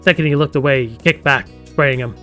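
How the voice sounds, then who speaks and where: With music in the background, a man broadcasts a live game session, narrating the story text and interrupting himself with jokey, talkative remarks. He speaks fairly quickly in a medium-pitched voice that sounds pushed and bright.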